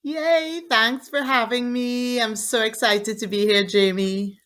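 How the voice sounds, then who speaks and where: A woman's voice: on the high side, steady tone, slow, fairly bright tone. A woman from Trinidad, a podcast guest, earnestly telling her personal faith story in an interview.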